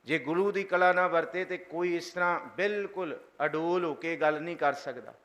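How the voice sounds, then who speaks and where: A man preaching a sermon, slowly reciting verses and then explaining them, leading the congregation in chanting. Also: a little high, a bit bright. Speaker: Sikh preacher giving scripture commentary.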